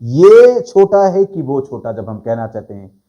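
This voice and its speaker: A man teaching a grammar lesson, explaining slowly and stretching and stressing key words. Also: medium pitch, sing-song, mellow, muffled recording. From South Asia. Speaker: English teacher.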